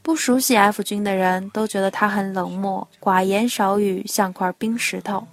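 Woman softly reading a personal story. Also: mid-range voice, fairly even intonation, normal speed, dry recording. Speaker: narrator. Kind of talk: read-aloud personal story. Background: faint background music.

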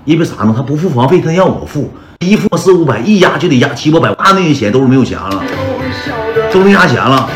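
This livestreamer, a man with a Northeastern Mandarin accent, talks fast in a voice on the high side with big swings in pitch. He chattily tells his own story and keeps calling out to viewers as brothers, over a roomy echo and loud background music.

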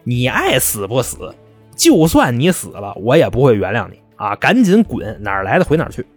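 A man's voice: medium pitch, huge pitch swings, normal speed, slightly rough, dry recording, soft background music. A man voicing a furious, contemptuous young wife who refuses to forgive, blunt and dismissive.

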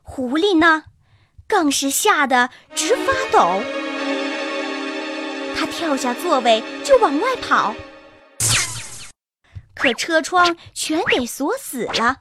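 A woman tells a children's bedtime story in a slow, sing-song way. Her voice sits high and moves a lot, with clear music playing underneath. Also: big pitch swings. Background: soft music.

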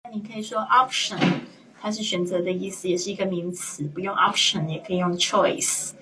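A woman teaching English online, explaining vocabulary with gentle reminders to the class. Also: mid-range voice, fairly even intonation, brisk, distant mic, poor audio. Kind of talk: online language lesson.

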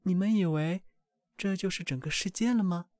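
A man putting on a high, fussing mother duck. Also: moderate pace, no echo, close to an everyday voice. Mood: fretting. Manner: high, excited and scolding. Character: fussy, doting mother duck hatching eggs. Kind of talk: storybook reading.

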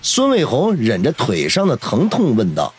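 A man narrating a novel in a dramatic, expressive storytelling voice. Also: medium pitch, normal speed, breathy edge. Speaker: audiobook narrator.

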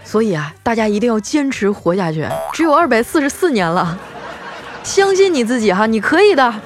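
A woman's voice: a little high, big pitch swings, brisk, faint music behind. A female host telling scripted comic stories in a playful way, chuckling between jokes.

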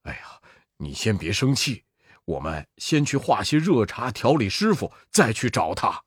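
A man's voice: on the low side, sing-song, a little slow, slightly rough, no echo, studio quality, pitched below the performer's own voice, full character voice. A man voicing a loyal, earnest monk disciple in a storybook reading. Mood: soothing. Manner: earnest, pleading.

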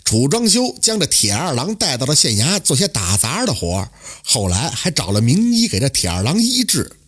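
A man tells a traditional folk tale with a husky, slightly breathy voice. His pitch swings widely as he dramatizes the story in an animated oral-storytelling style. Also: normal speed. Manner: lively, dramatic intonation.

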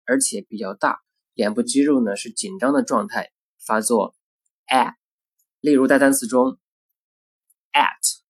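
A man teaching a pronunciation lesson, explaining mouth positions step by step and saying each example word twice. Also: medium pitch.

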